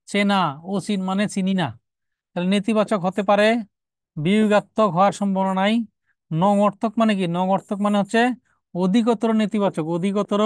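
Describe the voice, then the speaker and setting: A man teaching a live grammar lesson, his voice high and smooth. He works through exam questions step by step, repeating key words and asking rhetorical questions. The sound is dry and close to the mic. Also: darkish tone, no room sound. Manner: reads out student names and comments.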